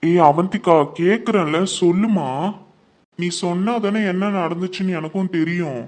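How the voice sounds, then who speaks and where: Guy playing a worried young husband, fairly high voice, keeps pressing gently with questions. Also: animated, normal speed, close to an everyday voice. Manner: anxious, coaxing questions. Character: worried young husband, protective of his wife.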